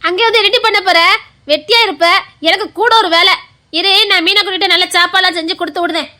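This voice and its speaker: An actress playing a bossy, motherly elder sister-in-law, speaking with a Tirunelveli accent in a brisk, scolding way. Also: very high-pitched, steady tone, pushed and bright. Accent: Tirunelveli Tamil. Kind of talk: web series acting.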